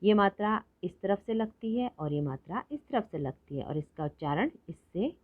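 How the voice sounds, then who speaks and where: A woman teaching children to read, explaining quickly and then drawing out each word slowly so they can repeat it. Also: medium pitch, lively intonation, no echo. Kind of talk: Hindi phonics lesson for children. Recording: dull lo-fi recording.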